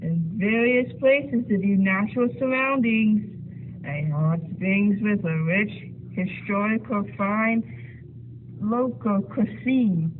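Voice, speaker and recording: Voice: medium pitch, slow pace, natural voice. A performer voicing a chatty, goofy sock puppet guide in a muffled voice, in an amateur puppet show. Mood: friendly, boastful. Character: chatty sock puppet showing a newcomer around town. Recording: tinny phone-like sound, faint noise.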